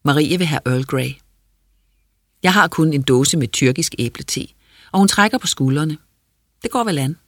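A quiet, measured audiobook narrator reading first-person prose in an introspective tone. The voice is somewhat husky, close and dry, with a middle pitch. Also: expressive, dry recording.

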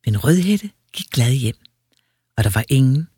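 A man reading a fairy tale aloud in a lively, expressive storyteller manner. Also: mid-range voice, husky, dry recording, clean studio sound.

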